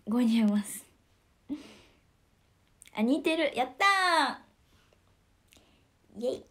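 A woman's voice: a little high, measured pace. Giggly Kansai woman hosting a livestream. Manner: giggly, soft-spoken, often drops to a near whisper. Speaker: idol livestream host. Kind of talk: casual livestream chat reading viewer comments.

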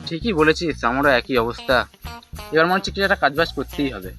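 A man's voice: a little high, animated, quick pace, fairly bright tone, faint music behind. A young man playing a lazy jobless village lad in a comedy sketch, swearing and bickering.

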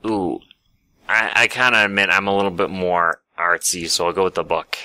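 Casting note: low-pitched man, bright forceful tone, dry close sound, casual gameplay chat. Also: fairly even intonation, normal speed, clear, resonant tone, no room sound. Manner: musing aloud while playing. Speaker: let's play host.

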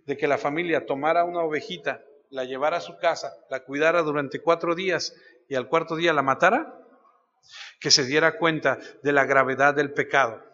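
Male pastor, sermon; high bright voice, storyteller who quizzes the congregation; dull lo-fi sound in a long-reverb church hall. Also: fairly even intonation, fairly quick. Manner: storytelling, addresses listeners directly with questions.

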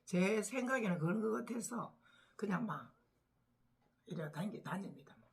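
An older woman from the Gyeongsang region with a Gyeongsang accent, chatting casually to camera at home over morning coffee. She teases her husband, laughs often and sometimes drops to a soft murmur. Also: lowish voice, creaky. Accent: Gyeongsang Korean. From Gyeongsang region, Korea. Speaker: vlogger, home caregiver.

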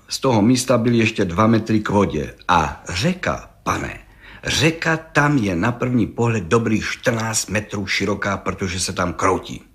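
A man voicing an excitable, boastful middle-aged village gendarme who tells his tale in an eager, rambling rush. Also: medium pitch, natural voice. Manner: rambling, eager, breathless storytelling. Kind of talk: audiobook reading.

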